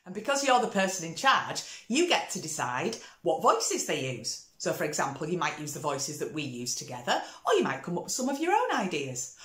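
A woman's voice: low voice, huge pitch swings, a little fast, few pauses. A woman teaching a music lesson for children in an upbeat, encouraging way. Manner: upbeat, encouraging, call-and-response. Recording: roomy echo.

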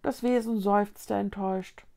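Slow, gravelly woman reading aloud. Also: mid-range voice. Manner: lively, expressive reading. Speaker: storybook reader. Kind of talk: reading a children's book aloud.

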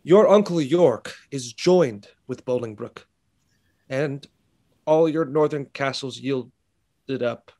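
A man playing a nobleman forced to deliver bad news, measured and reluctant. The verse comes out slowly, in a mid-range voice, over a video call. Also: medium pitch, dark tone. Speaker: actor in a staged reading. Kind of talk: Shakespeare verse reading.

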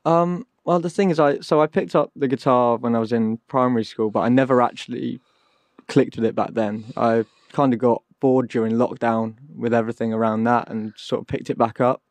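A man's voice: fairly even intonation, darkish tone, dry recording. A young man from Kent, a guest singer-songwriter chatting in a radio studio, modest and a bit hesitant. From Kent, England. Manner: modest, hesitant, talks low and quick. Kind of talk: casual radio interview chat.

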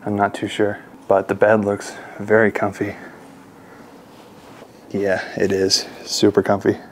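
A young man casually narrating a walkthrough of an empty mansion, talking to his viewers with excitement. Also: on the low side, unhurried, slight background noise. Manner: excited, addresses viewers as guys. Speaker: urban explorer vlogger. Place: large empty mansion indoors.

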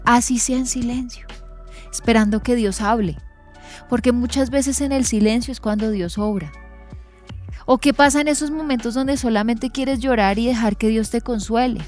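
A Colombian woman in her thirties preaches in earnest, her voice sitting a little high. She acts out quotes as she goes. Soft music plays faintly behind her. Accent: Colombian Spanish. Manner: earnest, with lively acted-out quotes. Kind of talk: sermon. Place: church stage.

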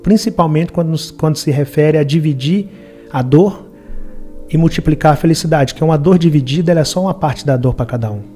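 Recording his personal life story for a podcast interview, this forties-aged man with a Minas Gerais Brazilian Portuguese accent earnestly performs the voices of others he quotes. His voice is a little high and warm, his pace a little fast, with faint music behind. A boom-arm studio microphone captures him in a brick-walled studio lit purple.

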